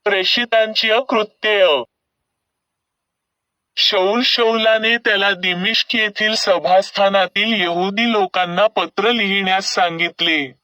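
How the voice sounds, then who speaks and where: A man narrating scripture in a slow, measured reading. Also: sits high, steady tone, sharp tone, dry recording. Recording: dull recording from a distance.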